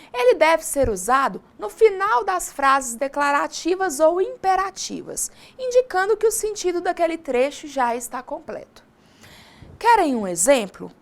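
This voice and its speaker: Woman teacher for an online lesson; high, very animated voice, chatty, questions the class.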